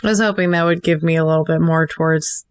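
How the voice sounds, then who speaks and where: A woman's voice: sits low, steady tone, fast talker, clean tone, no room sound. A woman playing a tabletop game, thinking aloud in a hedging, casual way. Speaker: player.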